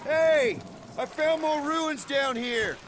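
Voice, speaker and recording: An actor playing an easygoing, wisecracking space adventurer who leads a team in a video game, with casual, flippant delivery. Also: male voice, very high-pitched, slow, background noise. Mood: excited.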